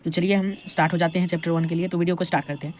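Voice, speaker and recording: A woman's voice: on the low side, little pitch movement, very fast, darkish tone, slight background noise. A woman with an Indian accent explaining a grammar lesson, checking in with the viewer as she goes and asking questions she then answers herself. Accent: Indian English. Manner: repeats "thik hai" and asks questions to the viewer. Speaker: English grammar teacher.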